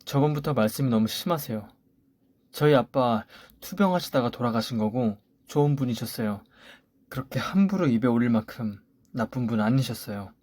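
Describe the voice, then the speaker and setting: A man's voice: medium pitch, animated, normal speed, darkish tone, dry recording, natural voice. A man voicing an indignant young pregnant wife. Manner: pleading, defiant protests. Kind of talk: story radio voice acting.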